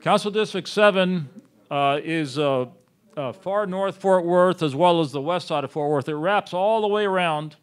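A man presenting census figures at a city town hall meeting, speaking in a measured way with frequent pauses. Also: fairly high pitch, clean tone. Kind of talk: slide presentation on census data.

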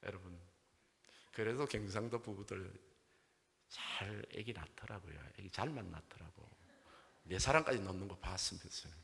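A male pastor with a Gyeongsang accent, preaching a Sunday sermon and telling folksy jokes in an animated way. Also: deep voice, normal speed, creaky. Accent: Gyeongsang Korean. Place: church sanctuary. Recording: long church-hall reverb.

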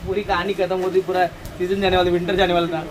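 A man in his thirties talks in a chatty, easygoing way with a fairly high voice. He walks through his stock and drifts into preachy asides. Street traffic and shop noise carry clearly behind him. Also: flat delivery, fast talker. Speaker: shop owner showing stock. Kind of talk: casual product walkthrough. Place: crowded housewares shop, indoors. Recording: noisy shop with traffic outside.

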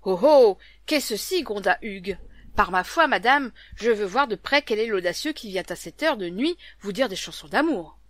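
A woman voicing a gruff, burly medieval lord, red-bearded and angry, speaking in loud growling outbursts in a storybook reading. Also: on the high side, big pitch swings, moderate pace, hardly any pauses, no echo.

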